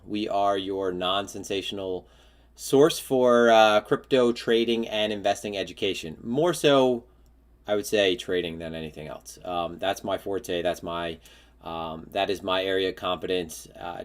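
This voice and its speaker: A man hosting a livestream in a relaxed, casual way, with many filler words. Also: fairly low pitch, normal speed. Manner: relaxed, laid-back, frequent filler words. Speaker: livestream host.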